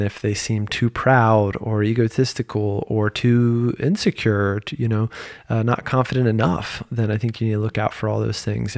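A man's voice: fairly low pitch, a little mellow, no room sound, clean studio sound. A man hosting a podcast, talking casually and thinking aloud, with frequent fillers and restarts. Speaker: podcast host.

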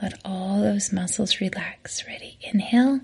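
A woman leads a slow guided breathing exercise as a coach. Her mid-range voice is breathy and a little husky. She gives the inhale and exhale cues in a hushed delivery, often sinking toward a whisper. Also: medium pitch. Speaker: podcast host and breathing coach.

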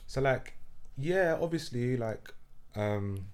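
A man's voice: mid-range voice, expressive, slow pace, a little mellow. A man from South London with a roadman accent, chatting casually in slangy street talk. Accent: South London, urban street. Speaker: former footballer, guest. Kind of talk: casual chat.

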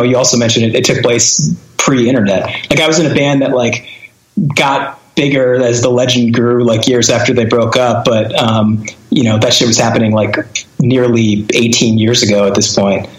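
A man in his thirties, a guest in a casual podcast interview, talking in a laid-back, rambling way with a lot of fillers and casual swearing. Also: mid-range voice. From born in Boston, raised in Connecticut and Wisconsin. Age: 30s. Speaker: interview guest, filmmaker and former hardcore musician. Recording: roomy echo.

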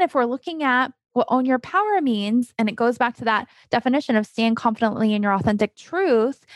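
A woman's voice: on the high side, dry recording. A woman, a coach hosting her own podcast, talking casually and emphatically, firing off rhetorical questions. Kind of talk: casual solo podcast talk.

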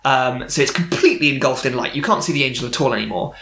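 Man, podcast co-host, quick talker, jokey, echoey room. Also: medium pitch, expressive, gravelly, a bit bright. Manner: chatty, joking, acts out quotes. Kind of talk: casual chat recapping an anime episode.

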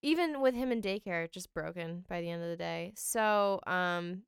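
A woman's voice: fairly low pitch, moderate pace, creaky, clean tone, dry recording, studio quality. A woman co-hosting a podcast, chatting casually with many fillers and laughs. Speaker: podcast co-host. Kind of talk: casual chat.

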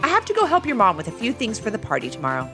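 A woman's voice: fairly high pitch, wildly swooping pitch, rapid-fire, over music. A woman voicing a cheerful father who dearly loves birthday cake, drawing out his words as he daydreams. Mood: enthusiastic.

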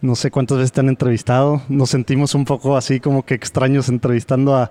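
A man hosting a podcast interview in a relaxed, chummy way with casual slang. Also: mid-range voice, fast. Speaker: podcast host.

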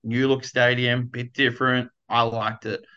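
A man's voice: medium pitch, flat delivery, unhurried, sharp tone, smooth, lo-fi sound. A man with an Australian accent, a podcast guest, talking in an enthusiastic, rambling way. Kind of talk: casual interview chat.

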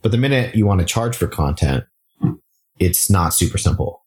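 A man's voice: sits low, moderate pace. A man who grew up in Singapore, a startup founder talking casually in an interview, full of fillers and restarts. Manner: relaxed, frequent fillers and restarts.

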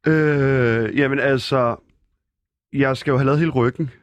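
A man's voice: medium pitch, steady tone, no room sound. A man in a casual podcast chat, a guest who talks in a laid-back, dryly humorous way.

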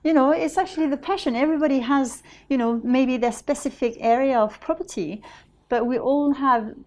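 A woman with a French accent, a property investor, is the guest in a casual interview chat. Her voice is high-pitched with a darkish tone, and her pace is moderate. She speaks hesitantly, with lots of restarts and fillers, and laughs easily.

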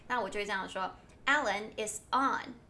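A young woman with a Taiwanese Mandarin accent, co-hosting an English-lesson podcast, spelling words out slowly and reading English aloud. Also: mid-range voice, bright, forceful tone. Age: young adult. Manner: spells words out slowly, short agreeing replies. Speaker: podcast co-host teaching English.

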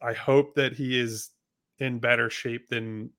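A man with a bright, forward voice makes his case on a sports podcast. He talks bluntly and emphatically, restarting sentences and swearing freely as he pushes his opinion. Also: mid-range voice, steady tone, unhurried. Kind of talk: casual sports debate.

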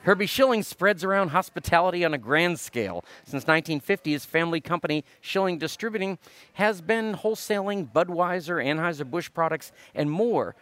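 A man hosting a radio interview show over lunch, asking friendly, lively questions. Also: a little high, brisk, dry recording.

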